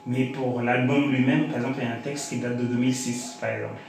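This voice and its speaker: A slam poet with a Comorian accent, whose mother tongue is Shikomori, answers as an interview guest in a conversational, explanatory way. He speaks fast and flatly at medium pitch, with a creaky, darkish tone. The room is very echoey, with faint noise.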